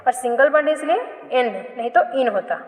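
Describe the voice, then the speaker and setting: High-voiced woman teaching in an echoey room. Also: expressive, fairly quick. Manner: asks questions then answers them herself; repeats and corrects herself. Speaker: chemistry teacher. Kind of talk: classroom lecture. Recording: echoey room, long reverb.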